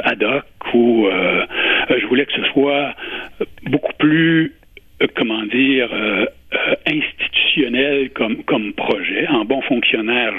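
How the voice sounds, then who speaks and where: A man in his sixties with a Quebec French accent, giving earnest, deliberate interview answers and pausing to search for his words. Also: mid-range voice, slightly rough. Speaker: interview guest, retired public servant and volunteer. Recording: muffled phone-like radio line with echo.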